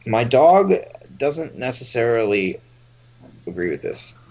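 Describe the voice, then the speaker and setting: A man coaching poker on a casual stream, thinking aloud in a relaxed way as he explains each hand. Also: medium pitch, takes it slowly.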